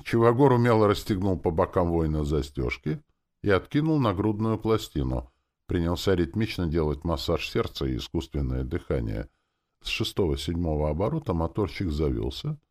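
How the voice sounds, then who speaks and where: A man's voice: low-pitched, big pitch swings, normal speed, darkish tone. A man narrating a fantasy audiobook in the first person, reading expressively.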